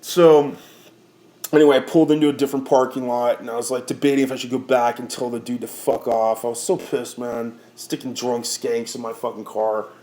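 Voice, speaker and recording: A man's voice: medium pitch, level tone, brisk, warm tone. A man working as a rideshare driver, telling a story in a profane, heated rant full of sighs and restarts. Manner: rambling with many restarts.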